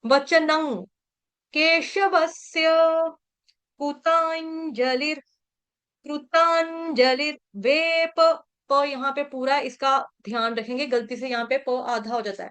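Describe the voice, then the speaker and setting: Woman, patient recitation teacher; high, smooth, very unhurried chanting voice. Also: a bit bright. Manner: patient, repeats syllables slowly and explains each sound. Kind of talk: slow sung Sanskrit verse chanting with pronunciation lessons.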